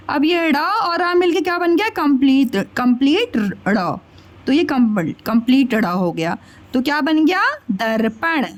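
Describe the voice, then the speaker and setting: A woman teacher patiently explaining a grammar lesson to children step by step, often checking that they understand. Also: high voice. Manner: addresses listeners as children.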